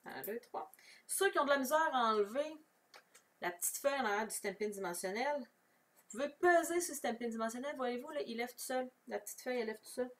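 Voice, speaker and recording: A Québécois woman talks viewers through a card-making demo in a relaxed, chatty way. Her fairly high voice rises and falls a lot as she explains each step. She sits a little back from the mic. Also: a little fast. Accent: Québécois French. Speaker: crafting demonstrator. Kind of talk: casual live craft tutorial. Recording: voice somewhat far from the mic.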